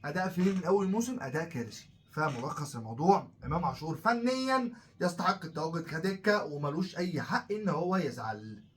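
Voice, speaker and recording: A man with an Egyptian Arabic accent, co-hosting a casual football talk show, blunt and critical in quick bursts. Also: on the high side, lively intonation. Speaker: co-host of a football talk channel.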